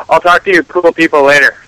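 A man's voice: a little high, steady tone, normal speed, pushed and bright, no room sound. A male caller talking casually over a phone line, laid-back and crude, laughing between lines. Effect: heard over a phone line. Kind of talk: casual call-in chat.

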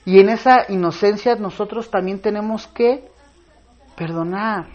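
A pastor preaches a sermon earnestly, his voice sitting high on dull-sounding audio. He reads scripture aloud with pauses, building to loud, emphatic stress.

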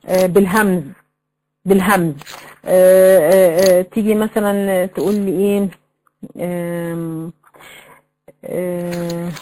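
A woman's voice: medium pitch, warm tone, low-quality recording. Egyptian woman teaching Quran recitation. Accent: Egyptian Arabic. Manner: explanatory, quizzing students, drawn-out recited examples. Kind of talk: online tajweed lesson.

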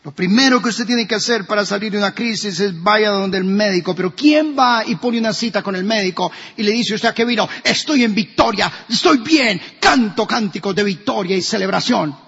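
A man's voice: sits high, brisk, few pauses, a bit bright, breathy edge. A man preaching a sermon as pastor, asking his congregation questions. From Colombia. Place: church hall. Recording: dull, echoey church recording.

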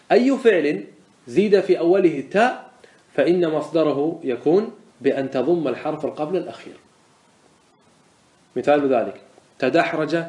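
Man teaching with slow drawled examples, echoey. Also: a little high, a little mellow. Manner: drawls out example words slowly, asks and answers his own questions. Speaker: sheikh teaching Arabic morphology. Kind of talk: classroom lesson explaining verse. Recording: echoey room sound.

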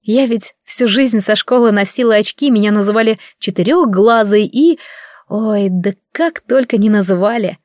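A woman narrating a first-person audiobook in a lively, wry, conversational way. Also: medium pitch, moderate pace, no echo, clean studio sound.

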